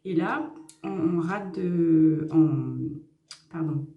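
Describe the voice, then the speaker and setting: A woman's voice: fairly low pitch, very slow, echoey room, narrow, tinny audio. A woman talking through a makeup tutorial in a casual, hesitant way with many fillers. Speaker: makeup vlogger.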